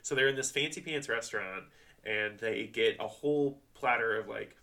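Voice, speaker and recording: A man's voice: lowish voice, moderate pace, vocal fry, bright, forceful tone, far from the mic. A man co-hosting a podcast, chatting loosely about a book and swearing freely. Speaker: podcast co-host. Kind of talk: casual book discussion.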